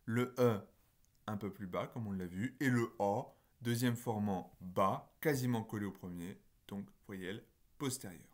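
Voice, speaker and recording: A man's voice: fairly low pitch, a little slow. A man teaching a phonetics lesson over slides, explaining patiently and checking in with his students. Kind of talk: recorded lecture over slides.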